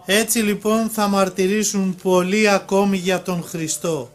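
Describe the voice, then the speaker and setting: High-voiced man reading a prophecy. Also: soft background music. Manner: steady reading with occasional stumbles and restarts. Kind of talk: reading a religious prophecy aloud.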